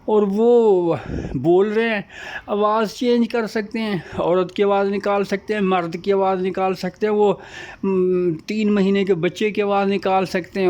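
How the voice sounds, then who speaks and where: A man's voice: high-pitched, darkish tone. A man giving a casual, rambling monologue as host, piling up repeated phrases and lists.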